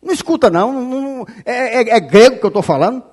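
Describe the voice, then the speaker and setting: A pastor preaching a fiery sermon, shouting and scolding the congregation, often calling them "rapaz". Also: male voice, very high voice, animated, fast. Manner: quotes scripture aloud.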